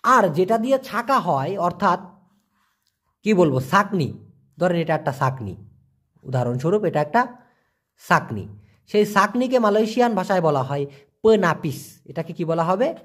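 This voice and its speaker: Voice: mid-range voice, lively intonation, normal speed, pauses often. A language teacher, giving a casual lesson and asking and answering their own questions. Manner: asks rhetorical questions and repeats words to drill them.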